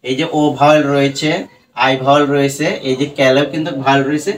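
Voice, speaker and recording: A man's voice: medium pitch, level tone, quick pace, slight background noise. A man teaching English pronunciation in Bengali with a Bangladeshi accent, spelling words out letter by letter and often asking "right?" as he goes. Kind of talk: online pronunciation lesson.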